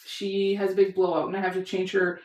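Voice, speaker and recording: A woman's voice: medium pitch, completely flat delivery, brisk, a little mellow. A young adult woman co-hosting a podcast, talking in a chatty, giggly way and saying "like" a lot. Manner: giggly, chatty, says "like" often. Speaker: podcast co-host. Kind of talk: casual chat. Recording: roomy, a bit off-mic.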